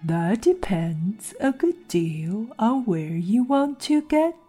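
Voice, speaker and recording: A woman voicing a sly grinning cat in a storybook reading, drawing her words out slowly with hushed, teasing whispers. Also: fairly high pitch, big pitch swings, slightly rough, faint music behind, heavily acted.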